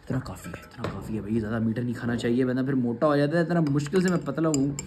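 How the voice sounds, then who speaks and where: A man's voice: mid-range voice, fairly even intonation, rapid-fire, a little mellow, a little hiss or hum. A young man vlogging casually, teasing friends and family and laughing often. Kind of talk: casual vlog chat.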